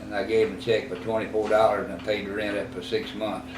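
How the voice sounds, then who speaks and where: This is an oral history interview with an elderly Texan in his eighties, who reminisces slowly and haltingly, full of fillers and self-corrections. He speaks in a fairly low voice with a level tone, captured by a roomy, distant mic that picks up clear background noise.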